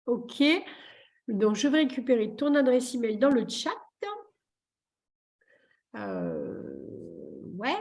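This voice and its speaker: Chatty French therapist woman, slightly high voice. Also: wildly swooping pitch, takes it slowly, pauses often. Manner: chatty, warm-hearted and joking, many fillers. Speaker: therapist hosting a live session. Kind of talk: casual live chat. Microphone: computer mic on a video call.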